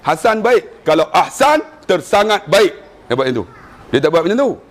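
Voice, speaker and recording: A man's voice: high voice, normal speed. A man from Malaysia with a Malaysian Malay accent, preaching a humorous sermon, telling stories and chanting recitation. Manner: animated storytelling with jokes and chanted recitation.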